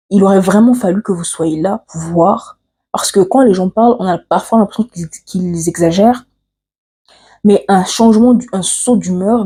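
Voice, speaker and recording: A woman with an African French accent telling a personal story to camera, earnest and confiding, pausing often on fillers and restarts. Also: mid-range voice, dark tone, breathy edge. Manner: hesitant, frequent "euh" fillers and restarts. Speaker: vlogger.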